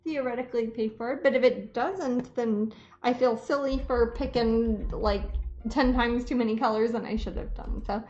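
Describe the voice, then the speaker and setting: A woman's voice: on the high side, normal speed, darkish tone. A woman artist chatting casually while she draws on a live stream, thinking aloud and laughing easily. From United States. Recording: dull lo-fi stream audio with faint music.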